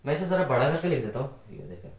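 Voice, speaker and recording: The grammar teacher here has a medium-pitched, animated voice and talks rapid-fire in an echoey room. Despite the pace, his explanation is patient, built around rhetorical questions to the class that he answers himself.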